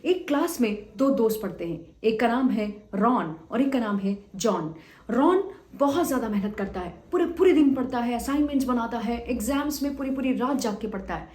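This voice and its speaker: High-voiced woman teacher, echoey room. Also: expressive, normal speed, a little mellow. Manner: acts out student dialogue, repeats phrases for emphasis. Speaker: teacher giving exam tips. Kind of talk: motivational talk to students with a told story.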